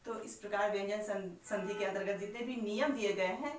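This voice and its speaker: Talking fairly quickly at a medium pitch, a woman teaches grammar in classroom style, breaking it into steps she repeats with rhetorical questions and elongating sounds as she spells them. A little hiss or hum accompanies the distant, echoey recording, with faint music behind.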